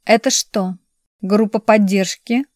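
A woman voicing a mocking, quietly cruel young man in a slow, sneering, drawn-out way. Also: mid-range voice, fairly even intonation, no echo, clean studio sound, lightly acted.

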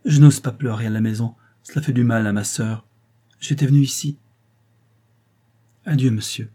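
A man reading aloud and voicing a grieving young woman who is gentle and childlike, in a soft, trembling voice. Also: mid-range voice, moderate pace, breathy edge, close to an everyday voice.

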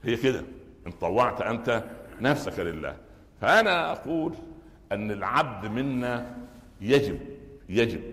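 A man's voice: fairly low pitch, fairly bright tone, long reverb tail. A man with an Egyptian Arabic accent, preaching a Friday sermon lesson and telling stories with acted quotes and humor.

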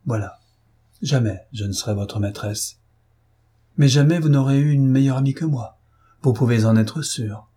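A man's voice: medium pitch, moderate pace, warm tone, slightly rough, natural voice. A man reading an audiobook, voicing an earnest, proud young upper-class woman who speaks with heartfelt, emphatic pleading.

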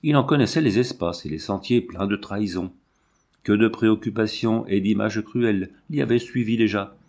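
A male audiobook narrator reads a classic novel aloud. He reads in a measured, dramatic way. His voice sits on the low side. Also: a little mellow.

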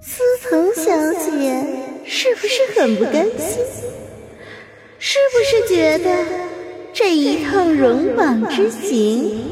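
A man voicing a sly, gloating young woman who taunts her rival in a shrill falsetto. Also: big pitch swings, takes it slowly, loud music behind the voice, full character voice. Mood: mocking.

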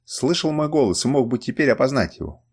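A man's voice: mid-range voice, lively intonation, a little fast, a little mellow, husky. A man voicing a proud young woman, a deposed queen, speaking with commanding dignity in an audiobook.

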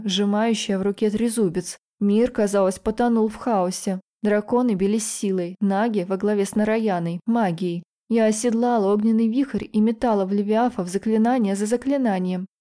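A woman narrating a fantasy novel in the first person with steady, expressive reading. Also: mid-range voice, normal speed, few pauses. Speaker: audiobook narrator.

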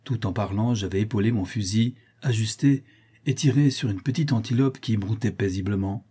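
A man narrating an adventure novel in the first person, in a steady, measured reading. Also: lowish voice, husky. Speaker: audiobook narrator.

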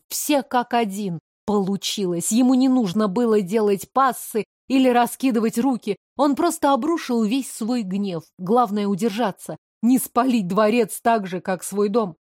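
A woman's voice: medium pitch, a little mellow, dry recording, studio quality. A woman narrating an audiobook in a tense, dramatic storytelling manner. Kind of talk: scripted narration.

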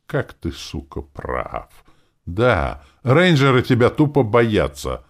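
A man's voice: medium pitch, wildly swooping pitch, slow pace, voice pushed up, exaggerated voice. A man voicing a crude, offhand male elf spirit companion.

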